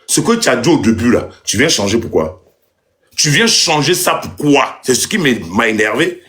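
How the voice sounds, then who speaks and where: Angry man ranting, lively pitch. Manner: heated, insulting, accusing. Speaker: landlord ranting on a live stream. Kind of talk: angry live monologue.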